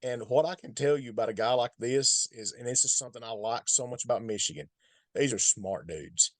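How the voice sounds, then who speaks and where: Male football analyst, Appalachian hillbilly accent, mid-pitched and dryly recorded, folksy, emphatic, casual breakdown of plays. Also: brisk, no echo. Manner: emphatic, folksy, repeats points for stress. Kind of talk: casual sports commentary.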